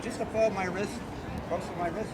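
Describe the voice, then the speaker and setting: On public concrete memorial steps outside, a man teaches self-defense in a hands-on demonstration, explaining each move informally. He's a martial arts instructor whose voice sits high with fairly even intonation at a normal speed, and the city is noisy with people nearby.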